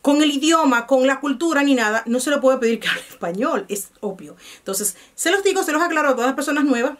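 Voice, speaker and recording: A woman's voice: high voice, lively intonation, fast talker. A woman, chatting casually to camera as a vlogger and calling her viewers "my loves". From Dominican Republic. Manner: chatty, addresses viewers as "mis amores".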